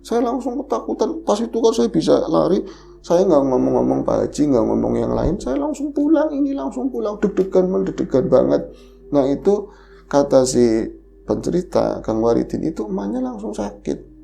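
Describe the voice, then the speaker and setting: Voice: medium pitch, sing-song, normal speed, vocal fry, warm tone, a little hiss or hum. A podcast host animatedly retelling a horror story in casual chat, the voice leaping up at the scary moments.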